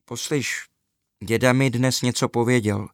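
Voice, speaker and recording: A calm, caring mother from a storybook, voiced by a male narrator, talking softly to her son at bedtime. She sounds close to his own voice, dry and near the mic. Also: medium pitch, no room sound, natural voice.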